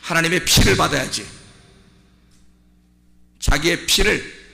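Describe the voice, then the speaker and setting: A man preaching a sermon as pastor. He talks conversationally, acts out quoted dialogue, and rises to shouting. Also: a little high, unhurried, gravelly. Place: church sanctuary. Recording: long hall reverb.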